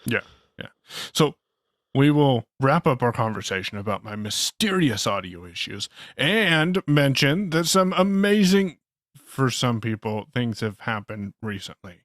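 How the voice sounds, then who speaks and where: A man's voice: medium pitch, lively intonation, measured pace, a bit bright, no room sound, studio quality. A man co-hosting a podcast, chatting casually about tech and making sarcastic asides. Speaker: podcast co-host.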